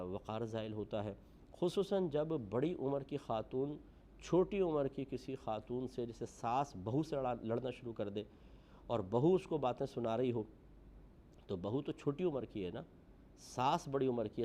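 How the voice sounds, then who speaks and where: A man delivering a religious lecture, earnest and moralizing, his voice rising for emphasis and then dropping low. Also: warm tone, a little hiss or hum. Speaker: preacher.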